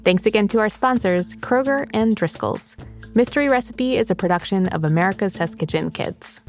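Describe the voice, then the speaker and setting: A woman hosting a children's cooking podcast, reading scripted announcements and credits clearly and in a friendly way. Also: mid-range voice, moderate pace, soft background music. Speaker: podcast host.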